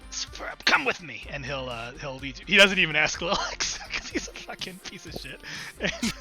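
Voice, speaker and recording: A man's voice: fairly high pitch, animated, moderate pace, bright, forceful tone, faint music behind. A man narrating as game master in a rambling, filler-heavy way.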